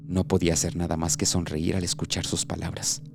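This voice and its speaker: A man narrating a scripted horror story as a doctor, in a slow, measured, hushed delivery. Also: low voice, level tone, creaky. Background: background music.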